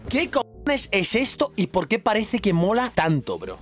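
A young man with a Spain Spanish accent, chatting excitedly and using plenty of slang as he unboxes clothes in a casual vlog. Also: sits high, measured pace, soft background music. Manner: excitable, slangy, shouts in bursts. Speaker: fashion unboxing youtuber.

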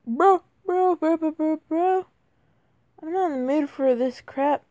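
Here a woman with a high, warm, unhurried voice chats casually over a mobile game, getting flustered easily and putting herself down. Her voice cracks, and she leans on "bro" and "like" nonstop. The sound is clean studio audio without echo.

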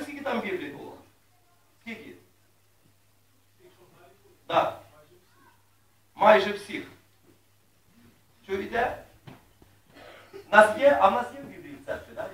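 A man preaching a sermon to his congregation in a folksy way, asking them questions and rising loudly when he reads scripture. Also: high voice, big pitch swings, normal speed, vocal fry, pauses often. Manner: folksy, asks the congregation questions, rises to loud reading. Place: church hall. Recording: echoey room, mic at a distance.

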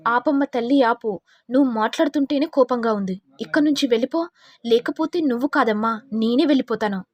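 Woman doing angry young husband, scolding, sarcastic, higher voice, dry sound. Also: fairly quick, no echo, muffled recording, lightly acted.

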